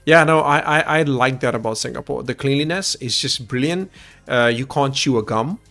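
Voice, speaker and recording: A man's voice: medium pitch, normal speed, a bit bright, faint music behind. A man with an Indian accent hosting a call-in livestream, talking enthusiastically in casual chat with frequent restarts.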